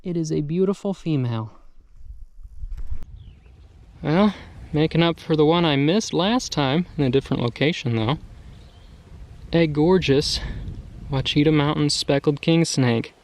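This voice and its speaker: A man's voice: a little high, darkish tone, a little hiss or hum. A man hosting a wildlife vlog outdoors, commenting casually and admiringly, half to himself and half to the animals. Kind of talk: casual field commentary with some narration. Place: outdoors on wooded, rocky hillsides.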